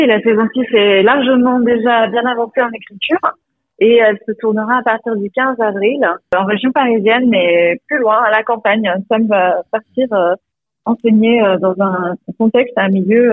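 A woman's voice: fairly high pitch, normal speed, dry recording. A woman TV producer speaking by phone in an interview, hesitant with many fillers. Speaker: TV series producer. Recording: tinny phone line.

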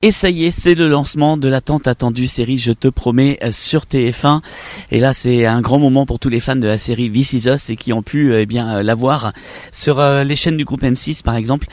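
A man's voice: mid-range voice, fairly quick, darkish tone, no echo. Man hosting a TV interview, dry sound. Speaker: TV host.

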